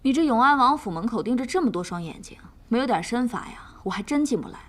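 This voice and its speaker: An actress playing the sharp, self-assured female head of an information network, briefing others. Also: on the high side, lively intonation, fast. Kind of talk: period drama acting.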